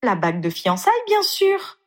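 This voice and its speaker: A woman's voice: big pitch swings, normal speed, natural voice. A woman reading aloud, putting on a spirited, demanding young woman for a storybook. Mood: indignant. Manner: high exclaiming voice.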